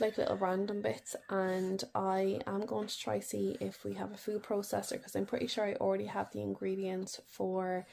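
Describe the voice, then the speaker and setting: A woman's voice: mid-range voice, creaky, a little mellow, a little hiss or hum. A young adult woman with an Irish accent, chatting casually and in a rambling way, as in a video diary. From Ireland. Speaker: vlogger.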